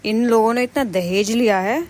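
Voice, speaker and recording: A woman's voice: a little high, normal speed, a little mellow, close to an everyday voice. A woman voicing a brash young daughter-in-law in a cartoon, lecturing and defiant. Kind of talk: animated cartoon voice acting.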